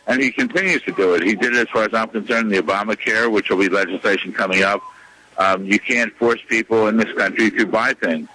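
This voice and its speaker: Combative bright-voiced man on radio. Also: lowish voice, a little hiss or hum, low-quality recording. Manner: insistent, repetitive, combative. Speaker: radio show guest, lawyer. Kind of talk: radio interview, phone-in.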